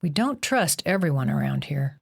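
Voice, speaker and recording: A woman narrator voicing a calm, protective teenage boy in an audiobook. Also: deep voice, moderate pace, creaky, husky, full character voice.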